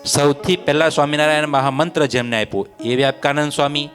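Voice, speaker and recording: A man's voice: a little high, steady tone, quick pace, a bit bright, faint music behind. A man narrating a devotional story as a religious storyteller, repeating phrases in a sing-song way.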